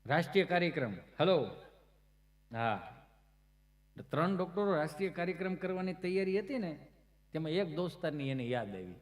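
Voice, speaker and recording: A man telling comic stories on stage, chatty and anecdotal, acting out the other people's voices and breaking into loud chanted verse. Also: fairly high pitch, big pitch swings, a little fast, long pauses. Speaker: folk comedian and storyteller. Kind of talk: Gujarati comic storytelling on stage.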